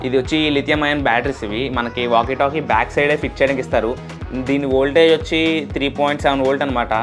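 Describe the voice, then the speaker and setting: An Indian man hosts an unboxing and product demo video, chatting casually and explaining things. He speaks rapid-fire at a medium pitch with fairly even intonation, over loud background music.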